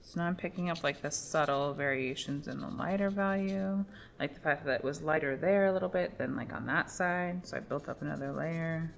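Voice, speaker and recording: Gravelly-voiced woman demonstrating drawing. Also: low voice, brisk. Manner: casual, explains while working, many "like" fillers. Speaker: art teacher. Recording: muffled lo-fi audio, faint room noise.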